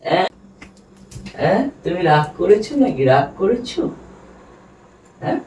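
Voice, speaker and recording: A man's voice: sits high, animated, a little slow, a little mellow. A man at home talking casually, coaxing and pleading as he repeats the same questions. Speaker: husband being pranked. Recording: roomy echo, distant mic, faint background noise.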